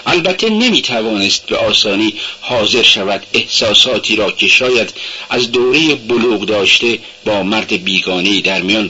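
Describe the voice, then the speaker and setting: A man narrating a classic novel in a steady, measured audiobook reading. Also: on the low side, slightly rough. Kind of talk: scripted literary narration. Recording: dull lo-fi recording with faint hum.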